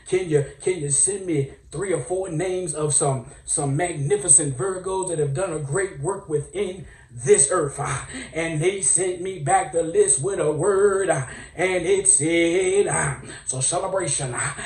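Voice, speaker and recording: A man voicing a fiery mock preacher in a parody sermon, with a whooping, drawn-out preacher cadence. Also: on the high side, creaky, darkish tone. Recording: roomy, distant from mic.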